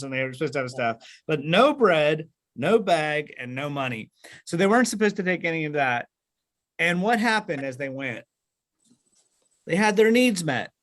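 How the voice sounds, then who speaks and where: A man's voice: on the high side, fairly bright tone. A man leading a Bible study over a video call, explaining with many fillers and restarts and asking the group questions.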